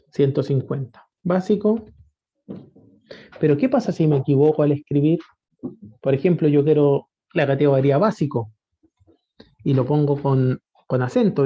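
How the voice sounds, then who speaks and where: A man teaching a spreadsheet lesson, patiently asking rhetorical questions and often checking that students follow. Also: a little high. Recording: dull lo-fi recording.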